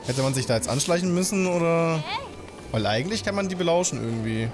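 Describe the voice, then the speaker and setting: A man's voice: a little high, expressive, fast. A man in his thirties giving casual, slangy gameplay commentary into a close desk microphone. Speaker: let's play host. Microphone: desk microphone close to the mouth. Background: game music.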